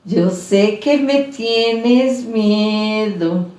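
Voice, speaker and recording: A woman's voice: medium pitch, a little mellow, roomy sound, poor audio. Woman putting on a taunting ghost girl. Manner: slow, drawn-out taunting. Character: creepy little ghost girl, taunting and sly.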